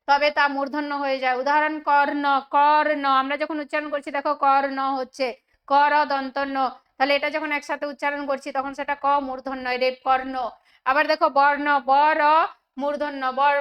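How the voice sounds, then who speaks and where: A woman's voice: sits high, fairly bright tone. A woman teacher working through exam questions step by step, asking questions and then answering them herself. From West Bengal, India. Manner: asks questions then answers them, slowing to read examples. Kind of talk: exam solution lesson.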